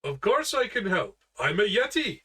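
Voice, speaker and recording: A man voicing a huge, furry, friendly male yeti in a tabletop game, speaking slowly in a put-on accent. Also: sits high, very animated, bright, forceful tone, husky, pitched above the performer's own voice, full character voice. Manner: slow, put-on accent he calls bad.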